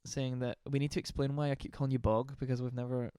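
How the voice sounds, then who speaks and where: A man's voice: medium pitch, little pitch movement, fast, dark tone, clear, resonant tone, dry recording, studio quality. A young man co-hosting a casual book podcast, rambling off on tangents and talking about himself in a self-deprecating way. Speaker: podcast co-host. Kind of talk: casual chat.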